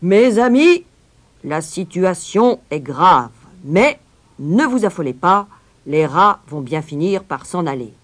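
A woman voicing a blustering middle-aged male town mayor, loud and pompous, in a storybook reading. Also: fairly low pitch, big pitch swings, slow, voice pushed up, heavily acted.

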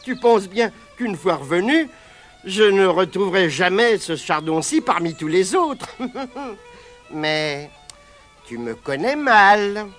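A woman's voice: medium pitch, animated, takes it slowly, soft background music. A woman voicing a cocky, stubborn young Irish boy who taunts and orders about in a raised voice. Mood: mocking. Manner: bossy and taunting, raises his voice.

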